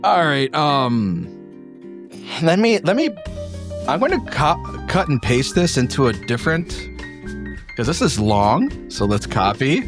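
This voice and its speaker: A man's voice: medium pitch, big pitch swings, a little slow, pauses often, over music. A man hosting a tabletop game as game master, chatting casually and informally as he reads out submissions.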